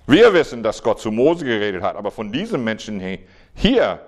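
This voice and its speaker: A man's voice: lowish voice, sing-song, a little fast. A man reading the questioning, hostile lines of religious leaders. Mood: accusing. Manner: accusing, interrogating.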